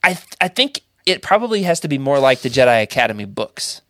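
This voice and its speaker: A man's voice: medium pitch, very animated, fast, fairly bright tone, dry recording, clean studio sound. A man hosting a casual fan podcast, talking enthusiastically in a rambling, jokey way. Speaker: podcast host.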